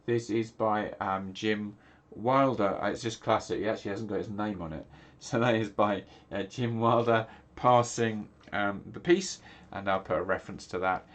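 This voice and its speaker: With a lowish, steady voice at a moderate pace, this English pastor in middle age talks casually to camera and rarely pauses. He sounds stuffy and nasal, drifting through many fillers and restarts.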